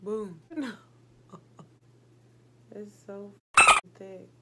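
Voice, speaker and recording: A woman's voice: medium pitch, huge pitch swings, very slow, very noisy. A woman in her twenties chatting casually to camera as a makeup vlogger, with a tipsy, giggly, rambling drunk manner. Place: small indoor home set, close to camera.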